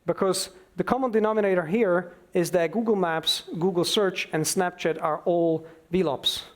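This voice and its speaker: A man giving an explanatory expert talk, with halting phrasing and emphatic bursts. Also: sits high, steady tone. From Slovakia. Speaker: expert speaker.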